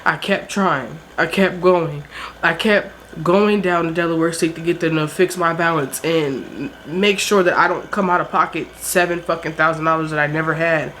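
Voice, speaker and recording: With a lowish, slightly bright voice and a little hiss or hum in the background, a vlogger in her twenties unloads to camera. She has a South Jersey accent and comes across as frank, worn out and teary, cursing often about her struggles.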